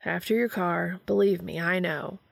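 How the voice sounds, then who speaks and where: Female narrator playing a sensible, insistent younger brother, low and gravelly. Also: steady tone, normal speed, dry recording, studio quality. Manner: practical, insistent. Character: sensible young man, nineteen, bossy brother.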